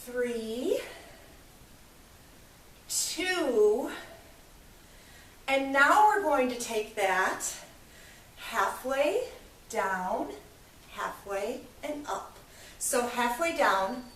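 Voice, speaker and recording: A woman's voice: a little high, lively intonation, drawn-out words, long pauses, fairly bright tone, recorded from a distance, a little hiss or hum. Upbeat woman coaching a workout, echoey room. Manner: upbeat, encouraging, counting reps. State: a little out of breath. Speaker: fitness instructor. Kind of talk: guided workout instruction.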